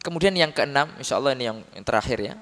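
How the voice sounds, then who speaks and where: A man giving a religious study talk, telling stories with lively acted quotes and often addressing his listeners as "Pak". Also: medium pitch, very fast. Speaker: preacher. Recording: long hall reverb.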